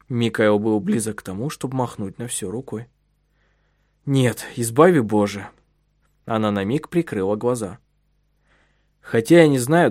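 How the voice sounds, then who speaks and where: A man narrating a novel as an audiobook in calm, even storytelling, voicing the husband in his own register. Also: medium pitch, dry recording, studio quality.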